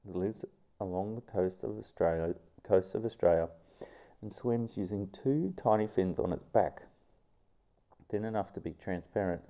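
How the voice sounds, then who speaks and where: A man reading nature documentary narration in a gravelly voice, now and then stumbling over a word. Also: low voice, normal speed, dark tone. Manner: stumbles over words and scientific names. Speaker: video host.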